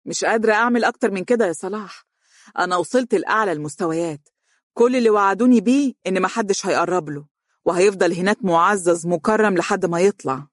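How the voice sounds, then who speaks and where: A narrator voicing an assertive, impatient woman with high connections, in Egyptian Arabic, for an audiobook. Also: animated, no echo, clean studio sound, natural voice. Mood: agitated. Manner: brisk, assertive, agitated. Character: forceful, well-connected woman engineer, impatient.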